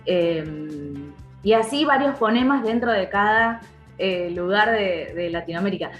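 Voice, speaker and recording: A woman's voice: mid-range voice, animated, unhurried, faint music behind. Argentine woman explaining, echoey room. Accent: Argentine Spanish. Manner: explanatory, demonstrates sounds by repeating words. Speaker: voice-over artist and dubbing actor, guest. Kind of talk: podcast interview.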